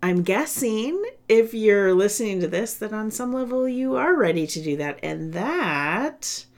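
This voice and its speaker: A woman podcast host with a ratchety, smoker's rasp in her voice, talking in an informal, playful, chatty way. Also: medium pitch, lively intonation, measured pace. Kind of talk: upbeat casual solo podcast talk.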